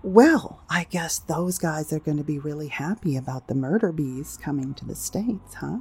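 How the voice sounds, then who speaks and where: A woman's voice: sits low, normal speed, dark tone, husky. A woman hosting a humorous solo talk show, speaking in a wry, teasing way with theatrical asides to listeners. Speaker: host of a sex-topic show.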